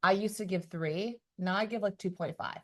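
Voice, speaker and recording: Woman podcast host, mid-pitched, emphatic, casual and animated. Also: normal speed. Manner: emphatic and animated, acts out quoted people. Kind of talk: casual chat.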